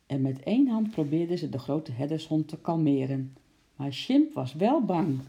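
Gravelly, dark storybook reader. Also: medium pitch, sing-song, moderate pace, muffled recording. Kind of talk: children's storybook reading.

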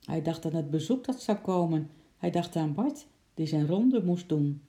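Gravelly, dark-voiced storyteller. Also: mid-range voice, lively intonation, normal speed. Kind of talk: reading a children's story aloud.

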